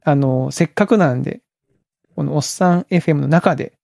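A man's voice: fairly high pitch, brisk, vocal fry, a little mellow, no room sound, clean studio sound. A man hosting a casual podcast chat, rambling with many fillers and restarts. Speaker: podcast host.

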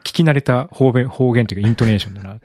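A man from Ibaraki chatting on a podcast, talking quickly with many fillers. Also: medium pitch, a little mellow. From Ibaraki, Japan. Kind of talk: casual chat.

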